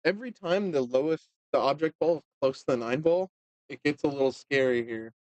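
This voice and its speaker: A man's voice: mid-range voice, brisk, no echo, highs cut off. Easygoing man doing pool commentary. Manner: relaxed and joking, with fillers. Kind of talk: casual live commentary.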